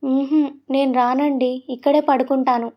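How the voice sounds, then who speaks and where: Brief: woman reading a hurt, timid young wife in an audio story, faltering, high voice. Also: flat delivery, moderate pace, highs cut off, natural voice. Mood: sad, stubborn. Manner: hesitant, faltering replies.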